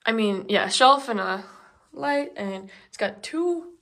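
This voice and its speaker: A woman's voice: fairly high pitch, animated, unhurried, gravelly, a bit bright. Chatty young woman giving a house tour. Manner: chatty, with frequent ums and likes. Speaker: vlogger. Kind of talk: casual house tour vlog. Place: empty house, indoors.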